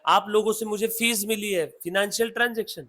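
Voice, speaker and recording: In a classroom lecture on accountancy, an Indian man blends Hindi with English and keeps putting questions to his students. His voice sits high, steady and fairly bright, and he dictates notes at a slow pace.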